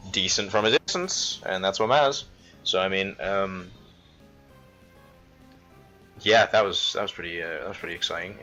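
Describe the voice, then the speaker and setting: Young man, from the Isle of Man, low voice, bright edge, rambling let's-play chatter, faint music behind. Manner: rambling, full of fillers, spins absurd made-up stories. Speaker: gaming commentator. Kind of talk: casual let's-play commentary.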